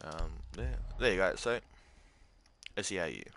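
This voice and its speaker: A man's voice: deep voice, animated, normal speed. An Australian man giving casual, profane commentary as he plays a shooter, joking with his teammates. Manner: swears often, joking banter with teammates. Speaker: gaming streamer. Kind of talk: casual live gameplay commentary. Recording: game gunfire noise under voice. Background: game gunfire and effects.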